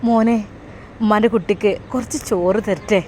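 A woman voicing a tender, grieving middle-aged mother, speaking softly and affectionately. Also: medium pitch, fairly even intonation, moderate pace, a little hiss or hum, pitched below the performer's own voice, lightly acted. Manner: soft, affectionate, pleading.

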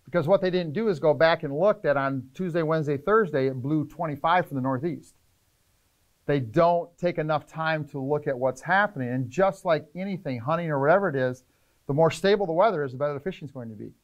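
A middle-aged man, a fishing charter captain, explaining trip planning in casual, energetic interview talk in an indoor tackle shop. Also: a little high, lo-fi sound. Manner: energetic, gestures a lot, lists points rapidly.

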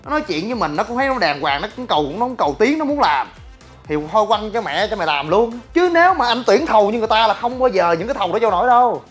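A man, a gym business owner ranting to his viewers in a blunt, crude and animated way and often asking "right?". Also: high voice, fast talker, soft background music. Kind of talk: casual ranting talk to viewers.

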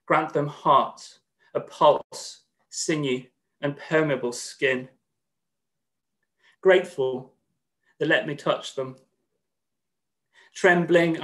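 A man in his thirties from Greece, a poet speaking with slightly nervous earnestness and reading his poems in a measured way on a video call from a room at home. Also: on the high side, fairly bright tone. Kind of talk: poetry reading at an online launch.

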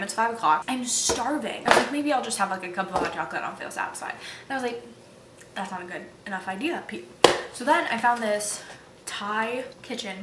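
A woman vlogger chatting in her home kitchen, self-deprecating and talkative. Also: mid-range voice. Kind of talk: casual cooking vlog. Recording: echoey kitchen with loud noise.

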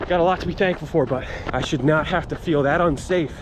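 A man's voice: on the high side, a little fast. An American man in his thirties chatting casually to camera while running, speaking in short phrases. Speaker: running vlogger. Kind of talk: casual vlog chat to camera. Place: outdoors on residential and downtown streets. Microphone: action camera held at arm's length. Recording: clear outdoor street and traffic noise.

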